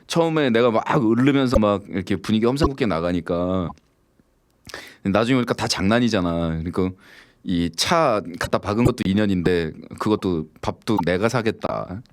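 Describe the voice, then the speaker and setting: A middle-aged man hosts a late-night radio show from a studio microphone, his lowish voice clean and at normal speed. He tells lively stories, swearing, laughing at cheesy lines, and acting out both sides of conversations himself.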